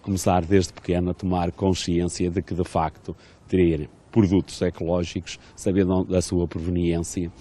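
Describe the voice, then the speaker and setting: Man interviewed, very deep, flat, husky, dark. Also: normal speed. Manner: reflective, quotes a proverb. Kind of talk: interview soundbite.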